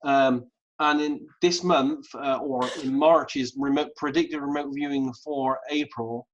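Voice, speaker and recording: Halting man hosting a muffled video call. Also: medium pitch, fairly even intonation, slight background noise. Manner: halting, repeats words while thinking aloud. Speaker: host. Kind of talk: casual group video call chat. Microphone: video call mic. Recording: dull lo-fi video call audio.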